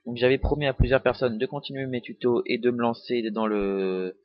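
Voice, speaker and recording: A young man giving a casual software tutorial, rambling with many hesitations and small jokes, recorded on a cheap desktop mic. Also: medium pitch, steady tone, brisk. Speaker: tutorial maker. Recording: dry, dull lo-fi home recording.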